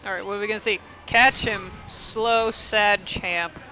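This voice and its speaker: A man's voice: high voice, steady tone, unhurried, pushed and bright, soft background music, poor audio. A man giving casual, rambling play-by-play commentary on a fighting game tournament, thinking aloud and poking fun at himself.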